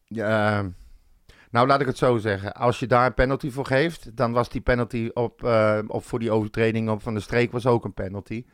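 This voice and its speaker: A man's voice: medium pitch, fairly even intonation, fairly quick, clean tone, no room sound. Frank man, dry close sound. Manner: opinionated, frank. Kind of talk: casual chat.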